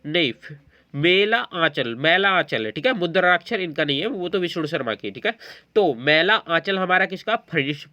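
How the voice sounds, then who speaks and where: A man runs an exam-prep lesson, explaining quiz questions and frequently checking in with his learners. His fairly high voice sounds pushed and bright, and the sound is lo-fi.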